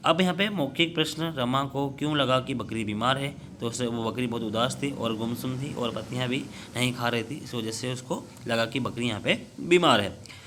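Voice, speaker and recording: A young man teaching children, reading a workbook story aloud with many halting restarts and fillers, then going through the answers. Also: medium pitch, a bit bright, slight background noise.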